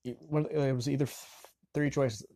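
A man giving casual film commentary, rambling and halting, often restarting mid-sentence. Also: medium pitch, fairly even intonation, warm tone.

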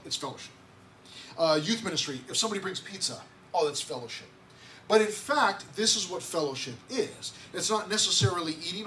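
A man's voice: sits high, a bit bright, a little hiss or hum. A male pastor preaching a conversational sermon in a church, often repeating words and asking the congregation questions. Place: church sanctuary.

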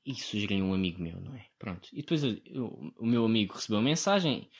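A man's voice: fairly low pitch, quick pace, slightly rough. A young man with a European Portuguese accent, hosting a solo podcast in a rambling, sarcastic way. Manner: sarcastic, mocking impressions of others; rambling and animated. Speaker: podcast host. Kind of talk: casual solo podcast monologue.

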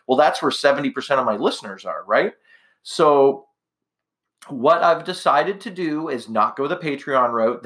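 A man's voice: mid-range voice, a bit bright. A middle-aged man from Canada hosting a casual podcast monologue, rambling chattily and correcting himself in asides. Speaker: podcast host.

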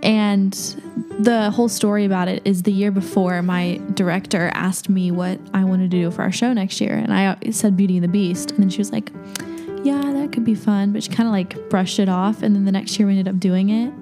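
A young woman guest on a podcast, telling a story in an animated, casual way. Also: medium pitch, a little fast, music in the background.

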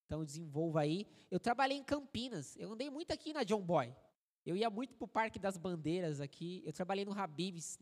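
A guest preacher in his thirties, speaking with a Brazilian Portuguese accent and a fairly high voice for a man, delivers a sermon full of humorous storytelling in a joking, animated, conversational style. He's in a church sanctuary, and the recording carries the long reverb of a church hall.

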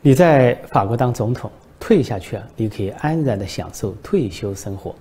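A man's voice: medium pitch, expressive, moderate pace, warm tone, lightly acted. A man voicing a sarcastic, irritated male president who needles his counterpart in a satirical comedy sketch. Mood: lecturing.

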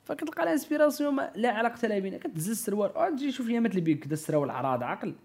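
Man, Moroccan Arabic accent, higher-pitched, rapid-fire. Emphatic podcast talker who code-switches into French and English. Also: very animated, darkish tone. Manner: opinionated, emphatic, often checks the listener follows; mixes French and English words into speech. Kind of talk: casual podcast conversation.

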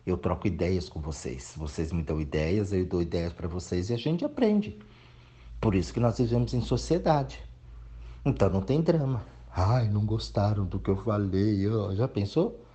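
A man with a low, mellow voice delivers a preachy reflective monologue. His pitch swings widely as he presses each point and mocks complainers in whiny voices. He comes from Brazil. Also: expressive, fairly quick. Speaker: motivational speaker.

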